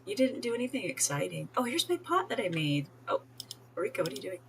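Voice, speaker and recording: A woman's voice: medium pitch, big pitch swings, quick pace, vocal fry, a bit bright, a little hiss or hum. A woman streaming a life-sim game, chatting casually, giggling and talking to the characters on screen. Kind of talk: casual gameplay commentary.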